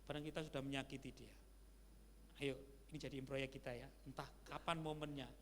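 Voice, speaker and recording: A male pastor preaching a sermon in a conversational style, with lively asides to the congregation. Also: medium pitch, a little fast. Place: church sanctuary. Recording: church hall reverb with faint hum.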